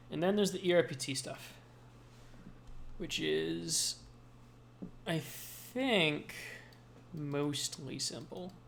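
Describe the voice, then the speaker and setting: A man's voice: fairly high pitch, creaky, a bit bright, a little hiss or hum. A man livestreaming his programming work, thinking aloud in a loose, hedging way as he codes at his desk. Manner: mumbling to himself, self-talk with hedges. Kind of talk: casual thinking-aloud while coding.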